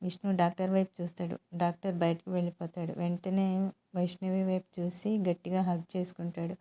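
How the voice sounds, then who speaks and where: A woman hosting her own channel, narrating a serialized love story in an even, unhurried way. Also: fairly low pitch. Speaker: storyteller host.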